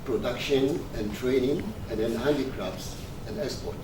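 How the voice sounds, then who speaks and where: A man's voice: mid-range voice, moderate pace, reverberant. Distant man in noisy room. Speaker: director of administration. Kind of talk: self-introduction.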